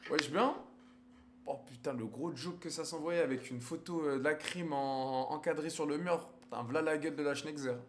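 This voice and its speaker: A man's voice: fairly high pitch, moderate pace, a little hiss or hum. A man, chatting crudely on a live stream and teasing strangers on video calls. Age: 20s. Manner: crude, slangy, teasing, swears often.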